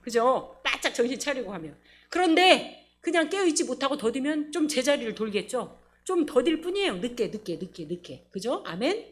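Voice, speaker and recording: A woman's voice: sits high, moderate pace, slight background noise. A middle-aged woman pastor preaching a sermon, laughing often and acting out little quotes. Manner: animated, laughing, acts out quotes.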